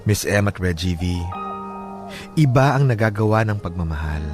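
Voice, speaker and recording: A Filipino man hosts a radio love-story show over background music, shifting between dramatic readings of listener letters and casual, blunt, joking advice with some English mixed in. His voice is fairly low, with lively intonation and a normal speaking speed.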